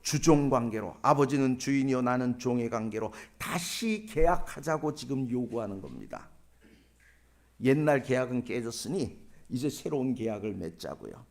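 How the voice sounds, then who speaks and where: A man's voice: medium pitch, lively intonation, normal speed, creaky. A man pastor delivering a sermon in a church, often asking the congregation questions and telling stories. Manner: asks the congregation questions, storytelling.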